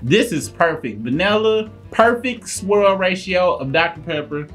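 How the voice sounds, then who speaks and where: Middle-aged dad host, teasing and jokey, voice swooping up and down, soft guitar music behind. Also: male voice, high-pitched, lively intonation, a little slow. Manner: playful, teasing, sing-song outbursts. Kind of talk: casual food review chat.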